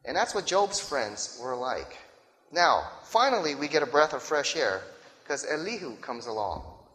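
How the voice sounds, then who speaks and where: A man's voice: on the high side, big pitch swings, a little slow, fairly bright tone. A man preaching a sermon in a loose, conversational way, often checking in with the listeners, in a large hall. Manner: conversational, keeps checking in with "right?" and "okay?". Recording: echoey hall reverb.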